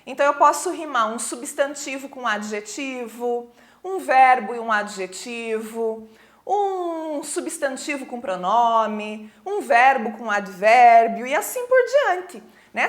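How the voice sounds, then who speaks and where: A Brazilian woman teaching a recorded school lesson, explaining patiently, checking in with the class and reading poems aloud. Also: high voice. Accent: Brazilian Portuguese. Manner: reads poems aloud slowly.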